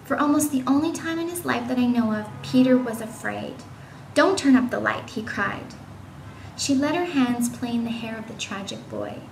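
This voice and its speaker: Woman reading a kids' classic out loud, a bit high voice, echoey room, faint hiss. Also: normal speed, gravelly. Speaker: reader. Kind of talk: informal storybook read-aloud.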